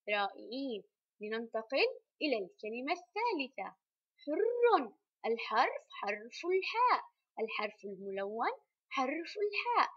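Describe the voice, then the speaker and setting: Lady teacher, high animated voice, drags out words for kids, lo-fi audio. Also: breathy edge. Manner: slow, emphatic spelling-out of words. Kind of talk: children's reading lesson. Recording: dull lo-fi recording.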